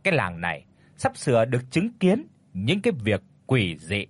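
A man tells a scripted horror story with dramatic expression. His voice is husky, and his pitch moves lively through every sentence. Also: normal speed, no room sound.

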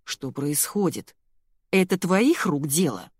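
A woman voicing a stout, irritable middle-aged male colonel who barks gruffly, in an audiobook. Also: sits low, lively intonation, slow, no room sound, clean studio sound, full character voice. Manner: gruff, barking.

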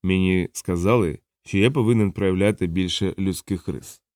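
A man doing Death, low and unhurried. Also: dry recording, studio quality, lightly acted. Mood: calm. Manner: slow, flat, matter-of-fact. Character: Death, calm male grim reaper.

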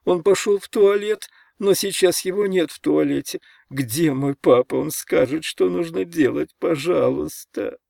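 A feverish teenage boy pleads in a thin, cracking whine that sounds far younger than he is, as a man reads him in an audiobook. His voice sits high above a normal speaking voice and pushes loud. The sound is dry and close. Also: unhurried, gravelly, hardly any pauses, no room sound. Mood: pleading. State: feverish and hoarse. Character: feverish panicked teenage boy, whining like a small child. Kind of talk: audiobook character voice.

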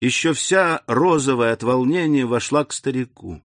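A man narrating a classic novel as an audiobook in a measured, even manner. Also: medium pitch, no room sound. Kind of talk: audiobook reading.

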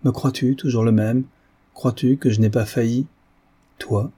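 A man's voice: mid-range voice, steady tone, measured pace, warm tone, slightly rough. A man reading a remorseful despairing old father. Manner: impassioned, confessional, declamatory. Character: guilt-ridden aging father, remorseful and despairing.

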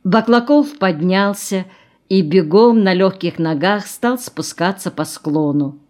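A woman narrating an audiobook novel in a calm, even storytelling manner. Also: medium pitch, takes it slowly.

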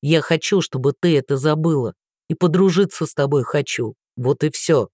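A woman's voice: sits low, moderate pace, dark tone, breathy edge, dry recording, clean studio sound. A woman voicing a remorseful young man who pleads earnestly and persistently. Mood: pleading.

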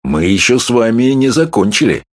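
A man reading an audiobook, voicing a gruff, domineering middle-aged professor who growls and mocks. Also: medium pitch, big pitch swings, normal speed, dry recording, studio quality, lightly acted. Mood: gruff mocking. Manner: growling, mocking.

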